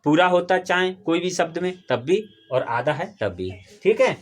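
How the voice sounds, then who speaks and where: A male teacher with a notably high voice runs a classroom lesson. He keeps firing questions at the class and patiently repeats each key term until it sticks. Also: expressive, normal speed. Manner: quizzes the class with call-and-response questions. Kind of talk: classroom Hindi grammar lesson. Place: classroom with students.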